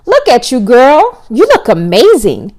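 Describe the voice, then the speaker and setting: Lady reading as an excited chatty young woman, high-ish voice. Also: unhurried, full character voice. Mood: gushing.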